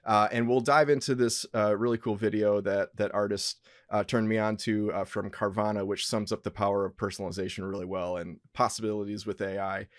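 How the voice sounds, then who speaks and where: A man hosting a podcast, talking in an upbeat, conversational way with many fillers, often trailing off softly at the ends of phrases. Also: lowish voice, level tone, brisk, no echo, clean studio sound. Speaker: podcast host.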